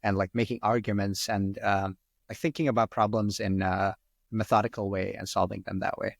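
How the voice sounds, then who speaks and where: With a lowish voice, little pitch movement and some vocal fry, a man in his twenties speaks at normal speed as a podcast guest. Originally an Arabic speaker and from Sri Lanka, he gives rambling, casual answers thick with "like" and "um." The studio sound is clean and dry.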